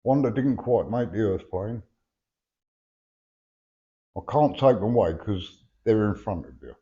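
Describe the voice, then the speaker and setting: Toothless bloke doing a psychic reading, mellow low voice, blunt n chatty, keeps checking in. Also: male voice, animated, unhurried. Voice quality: toothless, slightly slurred words. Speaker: spirit medium giving a reading. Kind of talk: live mediumship reading, conversational. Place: live event before a sitter. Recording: dull, lo-fi live recording.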